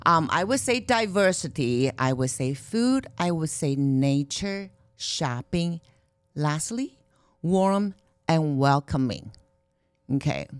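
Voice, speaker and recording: A marketing director from Taiwan gives a conference presentation in a conference room, speaking in a chatty way full of fillers and restarts. Her voice is deep, and the recording has no room sound.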